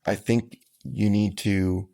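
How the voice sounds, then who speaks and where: A man's voice: on the low side, expressive, slow, gravelly, mellow. A man, a country singer answering interview questions in an earnest, folksy way. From Texas.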